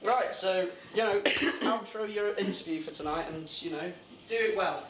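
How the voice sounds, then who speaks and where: A man teasing his bandmates in casual chat, laughing and shouting when excited. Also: sits high, moderate pace, echoey room, slight background noise, low-quality recording. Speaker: band member reacting to videos.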